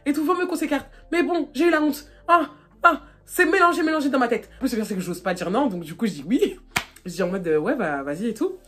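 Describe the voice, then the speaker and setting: A young woman vlogger telling a casual storytime, animated and excitable, her voice jumping high when she gets embarrassed. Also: fast. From France. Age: young adult. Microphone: phone camera.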